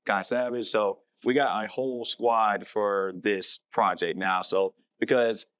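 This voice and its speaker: Southern man, low voice, dry sound, casual guest who backtracks often. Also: fairly even intonation, unhurried, a bit bright, clean tone, no echo. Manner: rambling, self-correcting, laughs easily. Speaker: filmmaker guest. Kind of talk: casual podcast interview.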